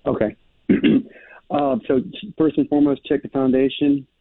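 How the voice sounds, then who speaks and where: A man's voice: fairly high pitch, big pitch swings, moderate pace, vocal fry, dry recording. A man calling in over the phone to chat with a radio host, polite and agreeable, answering with yes sir. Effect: heard over the phone. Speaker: caller. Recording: tinny phone line.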